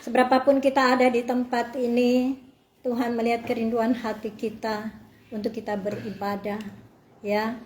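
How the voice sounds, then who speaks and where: A woman's voice: a little high, flat delivery, moderate pace, slight background noise. A woman worship leader at a home service who sings praise choruses and speaks short exhortations between songs.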